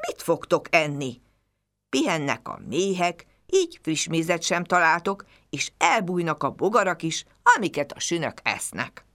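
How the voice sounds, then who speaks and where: A woman's voice: on the low side, big pitch swings, fairly bright tone. A woman voicing an old, wise, grumpy crow in a children's story, with a cawing, lecturing voice.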